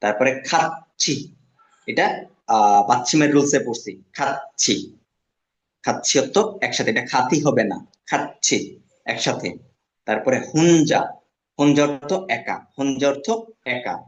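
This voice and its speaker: A man teaching a basic language class who says each word slowly, repeats it, and then gives its meaning. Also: medium pitch, expressive, slight background noise. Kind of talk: classroom lesson. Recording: echoey, dull lo-fi sound.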